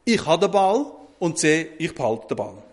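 A cocky boy with a smug, mocking tone, voiced by a man. The voice sits a bit high for a man, and the stays plain. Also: very animated, normal speed, slight background noise. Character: cocky boy who grabs the ball.

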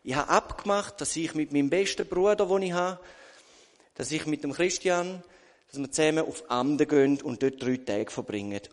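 A man's voice: a little high, moderate pace, in a large hall. A man with a Swiss German accent giving a sermon testimony, telling his story with quoted asides and rhetorical questions. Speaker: preacher.

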